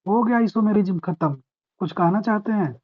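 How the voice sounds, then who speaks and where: A man teaching a chemistry revision class. He explains patiently, repeats key points, reads English definitions slowly and asks his students whether they understood. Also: high voice. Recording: dull lo-fi recording.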